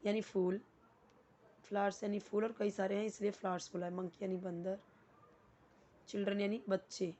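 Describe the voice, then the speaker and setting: A woman teaching English vocabulary. She explains each word patiently, repeats it with its meaning, and asks and answers her own questions. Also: medium pitch. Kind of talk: explaining English words in Hindi.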